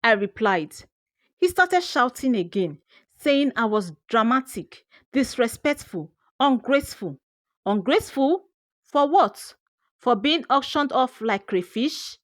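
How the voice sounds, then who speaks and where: A Nigerian woman tells a folktale in the first person, performing it theatrically as a storyteller. Her unhurried delivery is full of pitch movement and energy. The recording is close-up and dry.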